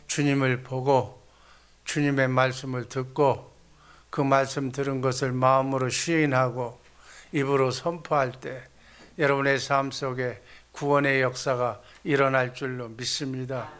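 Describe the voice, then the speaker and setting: Bright-voiced man preaching an exhorting sermon. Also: mid-range voice, flat delivery, unhurried. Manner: exhorting, blessing the congregation in the Lord's name; leads call-and-response repetition. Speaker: pastor.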